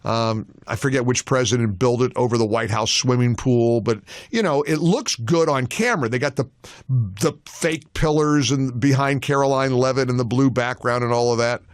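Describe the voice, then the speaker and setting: A man hosting a talk radio show, telling an anecdote as an animated storyteller in a studio. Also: medium pitch, moderate pace, no echo.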